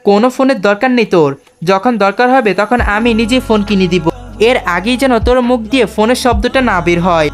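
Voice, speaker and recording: A woman's voice: medium pitch, normal speed, soft background music, close to an everyday voice. Woman reading as a hot-tempered young husband, clipped and commanding. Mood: harsh.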